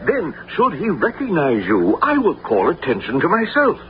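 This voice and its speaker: An actor playing a loyal, earnest knightly friend of an outlaw, in theatrical radio adventure style. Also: male voice, fairly high pitch, wildly swooping pitch, normal speed. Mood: resolute, loyal. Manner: earnest, pleading. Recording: dull, lo-fi radio recording, very loud noise.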